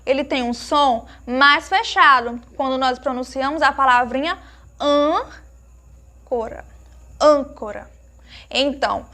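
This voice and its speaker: A woman teacher giving a lesson to young children, asking them questions and slowly sounding out each word she explains. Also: high voice. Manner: slow emphatic sounding-out of words; warm diminutives, asks pupils questions.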